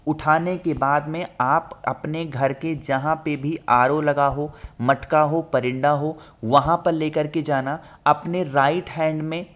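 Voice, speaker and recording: A man explaining home ritual remedies in a chatty instructional talk, often checking in with viewers. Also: fairly high pitch. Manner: chatty, repeats "ठीक है ना", addresses viewers directly. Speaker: astrology remedies presenter. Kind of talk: instructional talk with product pitch.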